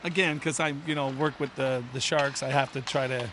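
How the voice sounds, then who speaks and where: A man's voice: medium pitch, fairly even intonation, fairly quick, fairly bright tone, slight background noise. A middle-aged man from a first-generation Irish family, chatting casually as an interview guest in a rambling way, full of "you know" and restarts. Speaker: interview guest, player's father.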